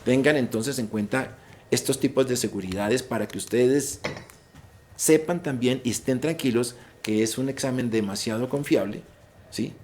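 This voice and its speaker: A man giving an online information session. He speaks emphatically and drives his points home by repeating them, at a middle pitch. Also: moderate pace, darkish tone, slight background noise. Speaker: IELTS presenter.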